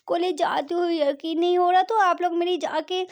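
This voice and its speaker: A woman voicing a young student who protests to her mother, raising her voice high. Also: normal speed, dark tone. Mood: protesting.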